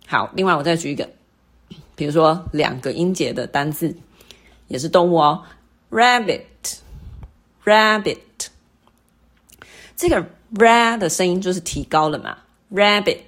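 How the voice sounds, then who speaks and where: A middle-aged woman hosting a lesson, explaining English word stress to listeners patiently and repeating each example word slowly. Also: low voice. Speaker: English teacher and podcast host.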